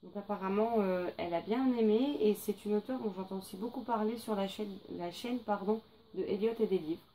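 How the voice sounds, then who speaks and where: Chatty young woman with a mellow voice. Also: mid-range voice, fairly quick, a little hiss or hum, low-quality recording. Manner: chatty, hesitant, many fillers. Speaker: book vlogger. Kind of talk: casual book haul vlog.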